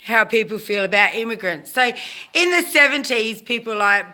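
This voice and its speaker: Woman, forties, South Australian accent, live-stream rant, rambling and self-correcting, slightly high voice. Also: moderate pace. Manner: animated, rambling, self-correcting, greets viewers mid-sentence.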